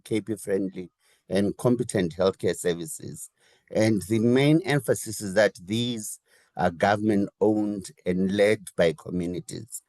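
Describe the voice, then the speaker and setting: A man giving a webinar presentation as a health program advisor, his voice groggy from a coming flu, measured and listing points with small restarts. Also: fairly low pitch, a little mellow, no echo. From Zimbabwe.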